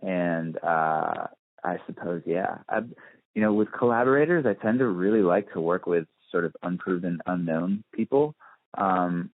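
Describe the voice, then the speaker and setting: A musician gives a casual phone interview, answering thoughtfully and hesitantly and often circling back to rephrase. His voice is deep and unhurried, coming through muffled, dry telephone-line audio.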